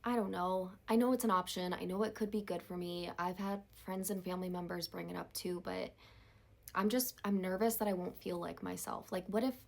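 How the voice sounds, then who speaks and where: A woman plays an anxious client in a therapy role-play. She sounds hesitant and casual, with a creaky, slightly low voice. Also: steady tone, a little fast. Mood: nervous, hesitant.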